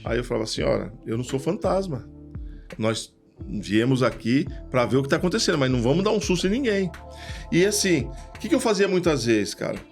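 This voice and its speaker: A man's voice: mid-range voice, a little fast, gravelly, soft background music. A man with a São Paulo accent telling stories casually, acting out the people he quotes. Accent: São Paulo Portuguese. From Brazil. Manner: animated, acts out quoted voices. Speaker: podcast guest, retired police lieutenant. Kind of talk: casual storytelling.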